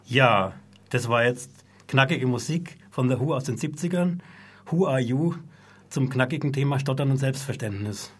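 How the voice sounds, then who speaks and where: A man's voice: medium pitch, lively intonation, normal speed, slightly rough. A man co-hosting a radio talk show, speaking from the studio with frequent hesitant fillers.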